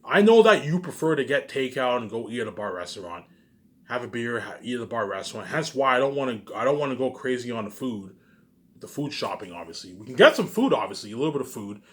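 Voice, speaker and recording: Talking fast with a medium-pitched, fairly bright, expressive voice, a man rambles casually and unscripted. He repeats phrases as he goes and drops in tag questions and offhand swearing.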